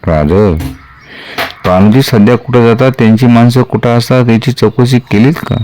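A man's voice: mid-range voice, normal speed, warm tone, a little hiss or hum, natural voice. A man doing a sly scheming traitor. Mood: insinuating. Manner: insinuating, wheedling. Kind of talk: dramatic storytelling.

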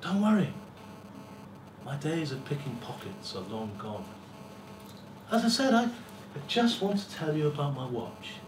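In a small lecture room at a live festival, a middle-aged man with a slightly high, very animated voice reads first-person short fiction to a seated audience. His measured, theatrical performance relies on deliberate pauses and swelling emphasis. The far camera mic yields an echoey, roomy sound with faint hiss.

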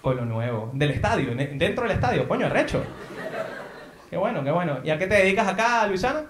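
Venezuelan stand-up comic working the crowd, teasing banter, slightly high voice, faint hiss. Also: male voice, big pitch swings, a little fast, reverberant. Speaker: stand-up comedian. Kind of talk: crowd work. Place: theater in Madrid.

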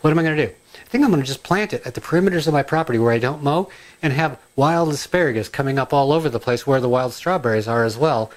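A middle-aged man chatting casually in his home kitchen, rambling and excitable, full of asides and ums. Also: mid-range voice, fast talker. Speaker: home cooking and gardening vlogger.

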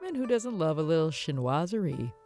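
A woman's voice: low voice, big pitch swings, fairly quick. A woman narrating a shopping vlog about antiques and home decor in an enthusiastic, gushing way. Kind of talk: casual shopping vlog voice-over. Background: soft guitar music.

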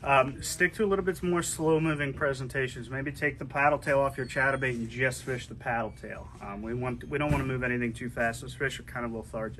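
A middle-aged man hosting a casual fishing report inside a tackle shop, chatty and relaxed as he gives tips. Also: mid-range voice, a little fast, hardly any pauses, a little hiss or hum. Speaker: fishing shop host giving the weekly report. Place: inside a tackle shop, amid glass display cases.

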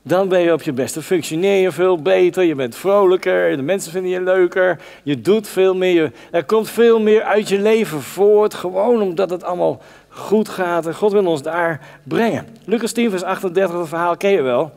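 A man's voice: high-pitched, normal speed, gravelly. Man preaching in a reverberant church. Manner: conversational, animated, acts out Bible voices. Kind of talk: sermon. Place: church hall.

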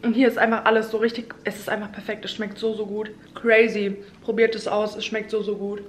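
A young woman vlogging a food taste test with her mouth full of waffle, gushing in excited casual slang. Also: mid-range voice, fairly quick, soft background music. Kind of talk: casual food-tasting vlog. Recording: echoey room, away from the mic.

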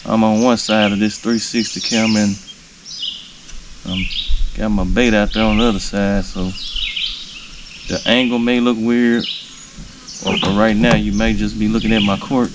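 A man, chatting casually to camera while fishing from a small boat, relaxed with excited exclamations. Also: on the low side, normal speed, pauses often. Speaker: fishing vlogger. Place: small boat on a swampy lake outdoors. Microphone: action camera on the boat. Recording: loud outdoor noise on camera mic.

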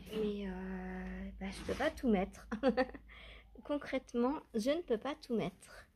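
A knitting vlogger with a fairly high, dark-toned voice chats casually to viewers while choosing yarns at home among her stash, filmed on a handheld phone. She muses aloud hesitantly, full of fillers and questions to herself. Slight background noise is audible.

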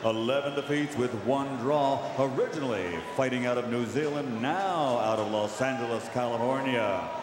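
A man announcing the fighters in a drawn-out, booming ring announcer style in a large arena. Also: background noise. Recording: echoey arena hall, roaring crowd.

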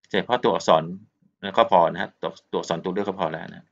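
A man's voice: low-pitched, fast talker, gravelly. A man from Thailand with a Thai accent teaching an English lesson, repeating polite particles and mixing Thai and English explanations. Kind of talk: recorded textbook lesson. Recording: muffled lo-fi recording.

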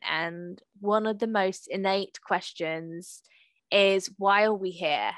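A woman talks about her art over a video call, slow and unhurried, thinking aloud as she goes. Her speech wanders and fills pauses with ums. The sound is dry and close. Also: medium pitch, fairly bright tone, no echo. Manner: reflective, rambling, many fillers and laughs. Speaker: podcast co-host and artist. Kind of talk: casual talk about her artwork.

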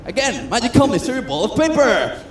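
Man, high voice, chatty self-mocking magician patter; echoey stage, noisy room. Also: sing-song, fairly quick. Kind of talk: comedic stage patter with audience. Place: cruise ship stage. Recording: echoey stage sound with noise.

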